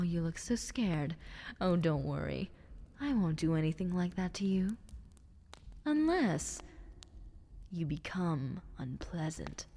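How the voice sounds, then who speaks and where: In an ASMR roleplay, a woman with a lowish voice plays a menacing female drider who is politely condescending, speaking in a soft, breathy half-whisper.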